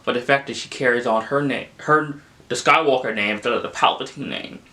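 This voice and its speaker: Young male film vlogger, casual and exasperated, loose rambling delivery with lots of fillers, mid-pitched voice. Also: a little fast, sharp tone. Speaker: film reviewer. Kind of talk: casual spoken movie review.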